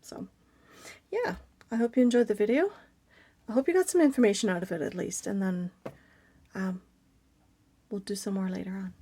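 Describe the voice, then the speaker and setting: Raspy-voiced woman, casual crafting host, soft-spoken, drifts into whispers. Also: medium pitch, normal speed, pauses often. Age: adult parent.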